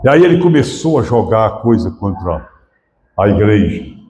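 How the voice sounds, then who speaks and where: A man's voice: on the low side, sing-song, normal speed, a little mellow, a little hiss or hum. A male pastor with a Brazilian Portuguese accent, preaching a sermon in a church with fervor that rises and falls. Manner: preaching with rising and falling fervor. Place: church sanctuary. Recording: echoey church hall with long reverb.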